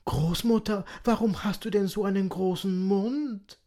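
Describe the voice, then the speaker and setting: A woman voicing a naive little storybook girl who asks questions slowly and plaintively. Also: medium pitch, warm tone, natural voice. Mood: wondering.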